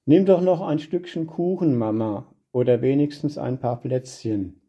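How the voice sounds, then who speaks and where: A man's voice: mid-range voice, measured pace, warm tone, breathy edge. A man voicing a young daughter who coaxes her mother, in a dull lo-fi storybook reading. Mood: coaxing. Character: young daughter, placating and coaxing.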